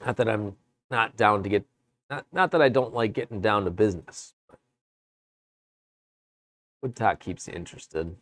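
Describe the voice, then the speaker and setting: A man streaming live from his woodworking shop, chatting casually with viewers in a relaxed, rambling way. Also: fairly low pitch, normal speed, long pauses, dry recording. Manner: relaxed, rambling, chats with viewers between tasks. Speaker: woodworking livestreamer. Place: home workshop.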